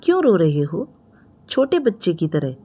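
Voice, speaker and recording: A woman voicing a hurt, quick-tempered young wife. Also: fairly low pitch, very animated, slightly rough. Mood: gentle. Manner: sharp, raised voice when angry.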